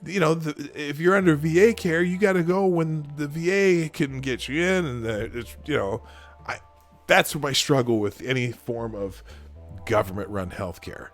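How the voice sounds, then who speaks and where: A man's voice: on the high side, normal speed, faint music behind. Middle-aged American man rambling on a livestream. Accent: standard American. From United States. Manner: rambling, conversational, thinking aloud. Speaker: live show host. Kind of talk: casual live-stream chat.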